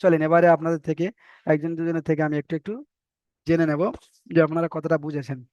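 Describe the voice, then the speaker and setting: Man, Indian Bengali accent, online Quran reading teacher, high smooth voice, patient and repetitive, dry slightly dull recording. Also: flat delivery, darkish tone, dry recording. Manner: patient, repeats letters slowly with drawn-out vowels. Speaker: Arabic alphabet teacher.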